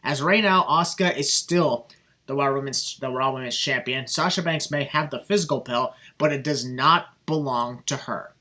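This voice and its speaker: A man's voice: mid-range voice, normal speed, bright, forceful tone. A young man hosting a casual podcast chat, heated and swearing freely between fillers. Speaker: podcast host.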